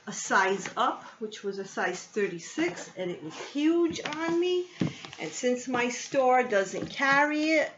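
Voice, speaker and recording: A woman vlogger talks through an unboxing in an easy, unhurried way, thinking aloud and filling pauses with little ums. The recording is a bit muffled, with a faint hiss underneath. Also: fairly high pitch, a bit bright. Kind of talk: casual unboxing chat. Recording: slightly muffled with faint noise.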